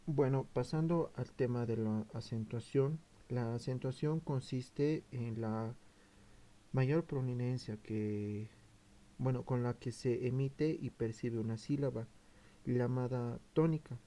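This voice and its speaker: A man's voice: medium pitch, slow, dark tone. A man giving a class presentation, reading his points aloud with frequent fillers and self-corrections. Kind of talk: read-aloud school presentation.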